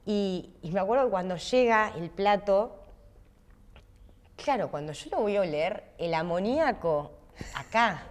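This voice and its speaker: A woman's voice: medium pitch, animated, measured pace. An Argentine woman chef in an interview, telling stories with animation and acting out her own past thoughts in quotes. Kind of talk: interview storytelling.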